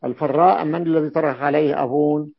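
A man's voice: on the high side, steady tone, fast talker, vocal fry, no room sound. A man teaching a classical grammar lesson, repeating key terms and asking his students checking questions. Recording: dull lo-fi dry recording.

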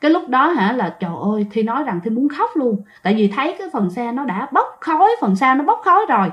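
Telling ghost stories chattily, this woman speaks straight to her listeners a lot, her high voice very animated and quick. The recording sounds dull and lo-fi.

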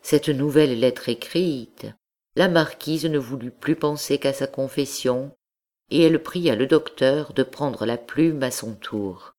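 Une femme lisant à voix haute un récit historique en livre audio, d'un ton calme et posé. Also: female voice, rumbling low, measured pace. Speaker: audiobook reader. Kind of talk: literary audiobook narration.

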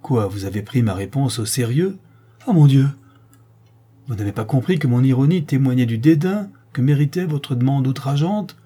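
A hypocritical rich banker hurls scornful, threatening words, as a male narrator puts him on. The voice is dark and husky, pushed louder and higher than the reader's plain telling, in a storybook reading. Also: a little fast, few pauses, lightly acted.

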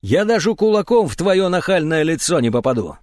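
A man's voice: fairly high pitch, very animated, brisk, dry recording, clean studio sound, pitched above the performer's own voice. Wheezing furious old man, as a narrator puts him on. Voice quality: wheezing, hoarse. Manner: furious, shouting. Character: agitated old man with trembling hands.

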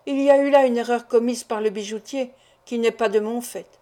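A woman's voice: fairly high pitch, fairly even intonation, a little fast, mellow, close to an everyday voice. A woman reading the lines of a hurt, bewildered young man who presses his lover with questions in an audiobook. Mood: hurt questioning.

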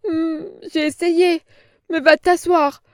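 A woman voicing a vulgar, frightened old woman who whines in a high, complaining voice. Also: flat delivery, takes it slowly, dry recording, clean studio sound. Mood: whining, frightened. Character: old vulgar female innkeeper, whining and scared.

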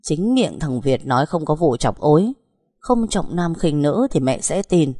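A woman narrating a dramatic story in a steady storytelling manner. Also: low voice, measured pace, breathy edge, no echo, studio quality.

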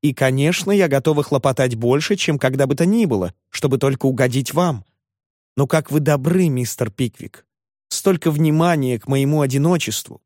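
A man's voice: medium pitch, normal speed, darkish tone, dry recording, studio quality, close to an everyday voice. A man putting on a gushing, tearful landlady. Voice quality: trembling, effusive. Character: gushing, tearful middle-aged landlady widow.

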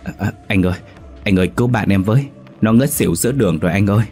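A man's voice: lowish voice, lively intonation, normal speed, faint music behind, natural voice. A man voicing a brash rowdy village lad. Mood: panicked. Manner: coarse and mocking, then panicked.

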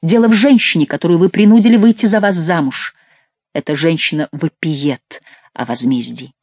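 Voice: mid-range voice, moderate pace, a little mellow, no room sound, lightly acted. An audiobook reader voicing a troubled, indecisive royal duke in a dramatic reading. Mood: solemn.

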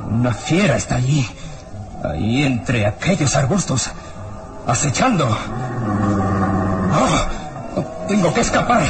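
An actor playing a terrified, wounded police inspector in a radio drama, panicked and halting, repeating himself in fear. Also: male voice, mid-range voice, very noisy. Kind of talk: melodramatic radio drama acting.

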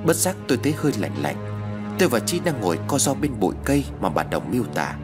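A man narrating a horror story in an expressive, dramatic storytelling style. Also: mid-range voice, fast talker, over music. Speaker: audiobook narrator.

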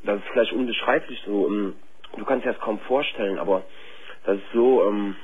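A man calling in to a radio show and talking openly in a halting, slangy way, with many fillers. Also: lowish voice, slightly rough. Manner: halting, plain-spoken, full of fillers like "so" and "ähm", slangy. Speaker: caller. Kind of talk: candid phone-in confession. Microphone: telephone line. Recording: tinny phone line with faint hiss.

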